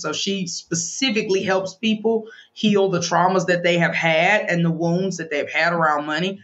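A fairly low, slightly bright voice comes through dull audio from a financial planner and money coach in her thirties. Interviewed candidly, she is frank, brisk, and emphatic in her advice.

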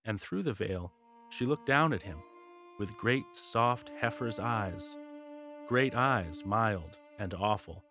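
A man narrating a classic storybook in a measured, vivid manner. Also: on the low side, lively intonation. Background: soft music.

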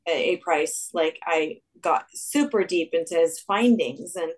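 A woman dentist from Saudi Arabia chatting as an interview guest, animated and full of restarts. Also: fairly low pitch, a little slow, slightly rough, recorded from a distance, poor audio. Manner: animated, rambling with many restarts. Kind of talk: casual interview talk.

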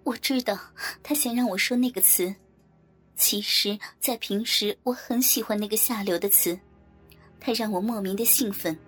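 Husky-voiced woman narrating softly. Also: mid-range voice, normal speed, faint music behind. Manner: soft, breathy narration. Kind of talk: whispered erotic story reading.

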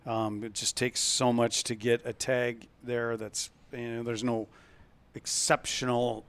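A man hosting a hunting podcast in a relaxed, casual chat, with many fillers and restarts. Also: mid-range voice, a little slow, clean tone.

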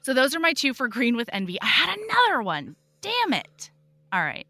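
A woman's voice: high-pitched, normal speed, a crowd in the background. A woman guest on a podcast, chatting casually and animatedly, swearing freely as she retells stories. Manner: animated, swears freely, acts out book characters. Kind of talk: casual chat.

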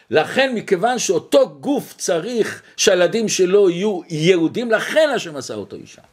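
Male Torah teacher, high voice, very lively intonation, sermon storyteller. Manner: animated storytelling with rhetorical questions. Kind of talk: sermon on the weekly Torah portion.

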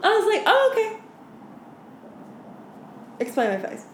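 This podcast co-host is a young woman whose voice is very high and sing-song, delivered at a measured pace. She tells stories candidly and casually, swearing and leaning heavily on "like" as filler. There is a roomy echo with faint noise behind her.

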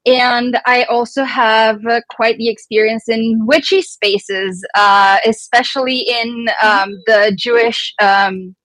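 Female creator on a panel, slightly high voice, dry sound, informal halting delivery. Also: steady tone, fairly bright tone, dry recording, rough recording. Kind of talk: casual self-introduction.

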